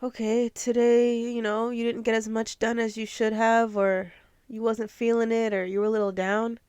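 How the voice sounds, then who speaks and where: A woman's voice: on the high side, flat delivery, moderate pace, darkish tone, clear, resonant tone, dry recording. A young woman hosting her own podcast, talking in an earnest, emotional, motivational way, close to tears at times. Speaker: podcast host. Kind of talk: casual motivational talk.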